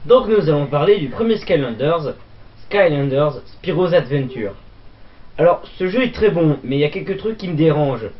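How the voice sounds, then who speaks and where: A man's voice: fairly high pitch, animated, moderate pace, slightly rough. Goofy man hosting a toy-figure show. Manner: goofy mock-presenter, jokey and brusque. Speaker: host. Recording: muffled lo-fi recording.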